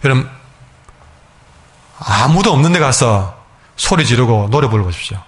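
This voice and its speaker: A man's voice: medium pitch, big pitch swings, moderate pace. A male pastor preaching a sermon emphatically, acting out his congregation's words.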